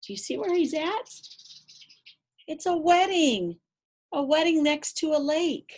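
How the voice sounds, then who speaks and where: Here a high-pitched, slightly mellow female voice with lively intonation tells a story from a picture book. She keeps it playful and rhythmic, stretching out words and chatting with the kids between lines in an animated read-aloud.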